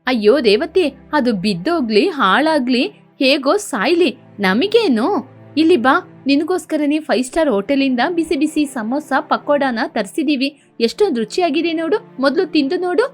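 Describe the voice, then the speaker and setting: A woman's voice: sits high, animated, moderate pace, faint music behind. A woman voicing a spoiled, cruel rich young wife who talks in a sneering, haughty way in a cartoon story. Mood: coaxing.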